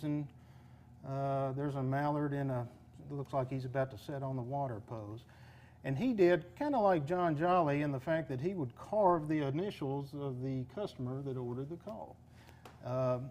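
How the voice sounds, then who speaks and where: A man talking casually as a collector explaining his collection, with halting speech that pauses mid-thought. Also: mid-range voice, mellow. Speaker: duck call collector being interviewed. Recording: clear background noise.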